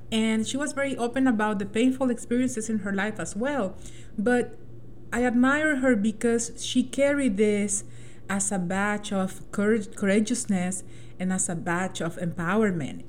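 A middle-aged Salvadoran woman hosts a community radio show and shares a personal story, earnest and reflective, restarting often and tagging lines with "right?" Her medium-pitched voice is a little mellow, with slight background noise.

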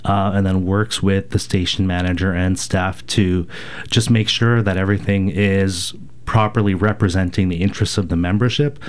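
A man's voice: fairly low pitch, clear, resonant tone. A man from rural Alberta in Canada, getting over a cold, giving thoughtful, hesitant answers full of fillers as a guest on a community radio show. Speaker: radio station board president, guest. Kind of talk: casual radio interview answers.

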